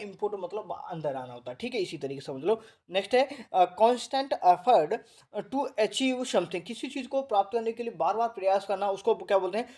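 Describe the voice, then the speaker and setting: A male coaching teacher with an Indian accent who reads English definitions haltingly, explains them in Hindi and keeps checking in with his class. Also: high-pitched, darkish tone. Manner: repeats tag questions to the class; stumbles over English words. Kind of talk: online vocabulary lesson.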